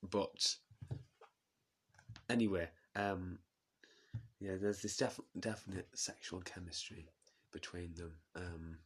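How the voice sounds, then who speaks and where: A man hosting a podcast, who tells a rambling comic story in a deadpan way, full of fillers. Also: deep voice, takes it slowly, husky.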